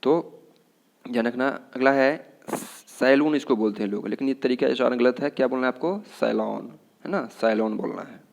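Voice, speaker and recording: A man's voice: medium pitch, fairly quick, vocal fry, a little mellow. Indian man teaching pronunciation. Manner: repetitive, keeps asking "what should we say". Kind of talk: explanatory classroom lesson.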